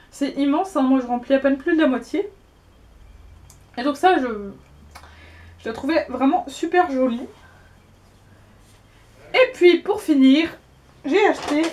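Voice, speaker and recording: A woman in her twenties with a high voice talks casually through a haul video. She is chatty and hesitant, often restarting and repeating words as she goes. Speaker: book vlogger.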